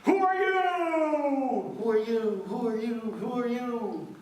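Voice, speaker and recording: A man voicing echoing mountain voices, calling out high and loud at a live storytelling. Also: takes it slowly, slight background noise. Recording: echoey hall from far off.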